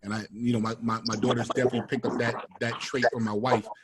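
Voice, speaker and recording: A middle-aged man talking earnestly in a casual group chat over a video call, with halting restarts. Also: medium pitch, little pitch movement, very noisy.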